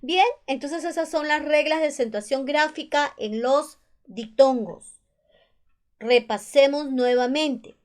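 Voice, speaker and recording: A woman's voice: sits high, slow. A woman teacher with a Peruvian Spanish accent, patiently explaining spelling rules and repeating each one. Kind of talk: spelling lesson explained over slides.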